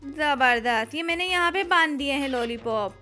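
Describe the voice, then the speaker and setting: A woman's voice: high voice, expressive, normal speed, music in the background. A woman voicing a playful family comedy skit, exclaiming and talking to a child. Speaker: voice-over performer for a family skit. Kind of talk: scripted comedy skit dialogue.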